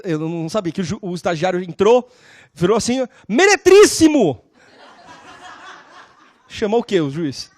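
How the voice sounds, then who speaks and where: A woman lecturing on law, telling lively stories and constantly checking in with her class. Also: fairly high pitch, no room sound. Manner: animated, acts out scenes.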